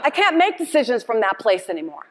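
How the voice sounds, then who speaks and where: A middle-aged woman delivers a motivational keynote with call and response on an indoor conference stage before an audience, speaking passionately and emphatically and repeating phrases like a preacher. Her voice is fairly high, sing-song and fast, with a long reverb tail and crowd noise.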